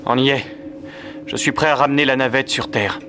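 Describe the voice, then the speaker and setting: A man's voice: medium pitch, brisk, natural voice. An actor playing a focused, confident male shuttle pilot with clipped radio-procedure talk in a dubbed action series. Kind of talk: French dub of an action TV series. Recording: loud music over the voice.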